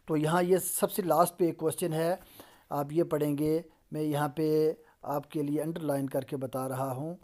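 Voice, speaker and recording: A man's voice: on the high side, level tone, warm tone. A man lecturing in a recorded lesson over slides, repeating and translating each sentence step by step. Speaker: Persian lecturer.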